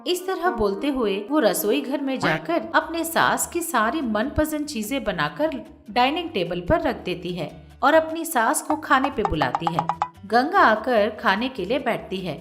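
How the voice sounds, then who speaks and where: A woman narrating a cartoon story in an even, storybook manner, with music under her. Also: on the high side, measured pace.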